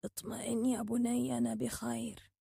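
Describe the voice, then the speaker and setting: Woman doing a frail old man, gentle, soft, slow, storybook. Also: on the high side, steady tone, breathy edge, no room sound, clean studio sound.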